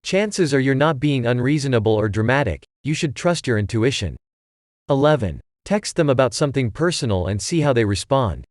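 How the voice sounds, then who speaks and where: A man narrating a scripted advice list in an even, measured way. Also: medium pitch, no echo, clean studio sound.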